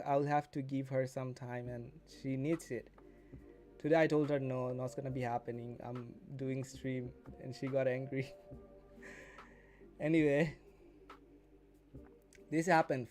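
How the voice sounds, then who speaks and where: A day trading mentor in his twenties hosts a casual live stream, teaching and chatting with viewers while repeating and rephrasing his points. His voice is mid-range with a darkish tone.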